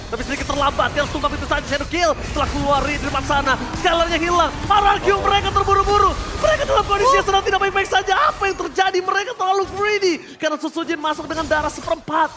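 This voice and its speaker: Hyped high-pitched Indonesian male fighting game announcer. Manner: hyped, dramatic calls. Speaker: esports play-by-play commentator.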